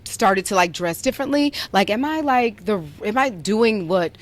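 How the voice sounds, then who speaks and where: A woman's voice: medium pitch, expressive, moderate pace, a little hiss or hum. A young adult woman hosting a podcast, chatting playfully and filling her talk with "like" as she tells a story. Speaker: podcast host. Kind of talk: casual chat, storytelling.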